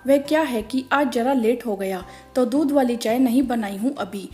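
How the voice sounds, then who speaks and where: A woman's voice: fairly high pitch, dark tone, soft background music, close to an everyday voice. Woman as a harried busy young mother. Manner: hurried, tired, apologetic.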